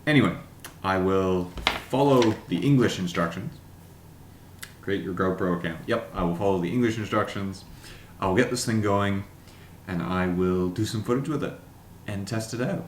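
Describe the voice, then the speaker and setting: Lowish voiced guy vlogging, wry and chatty, roomy echo and a bit of hiss. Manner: chatty, wry, reads text aloud haltingly. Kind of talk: casual unboxing chat.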